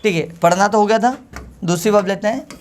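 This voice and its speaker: A woman teaching an English grammar drill, repeating each sentence slowly and calling her pupils kids. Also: medium pitch, a little hiss or hum. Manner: slow, repeating each sentence for the class to echo; scolds pupils fondly as kids. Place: classroom full of students. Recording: classroom with a loud chorus of students. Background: students chanting answers.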